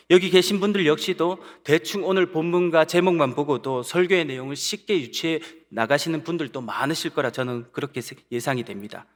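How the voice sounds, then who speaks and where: Male pastor, fairly high and very animated delivery, earnest sermon voice with long church reverb. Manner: earnest, asks the congregation rhetorical questions. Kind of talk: Sunday sermon. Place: church sanctuary.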